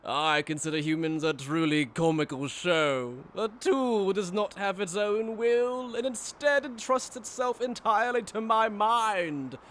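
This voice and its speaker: Taking on the same kind of role, a cruel and mocking aristocratic villain for an anime fan dub, another man speaks in a high, somewhat bright voice that is unhurried yet barely pauses. His condescending, theatrical formality drips with cold disdain, and there is slight background noise.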